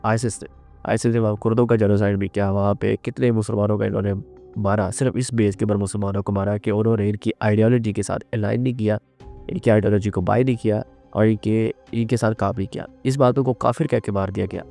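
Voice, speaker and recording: A man giving unscripted, earnest analytical commentary on current events, pausing and restarting as he thinks. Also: fairly low pitch, fairly even intonation, vocal fry, dark tone, faint music behind. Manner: earnest, measured, with frequent restarts and fillers.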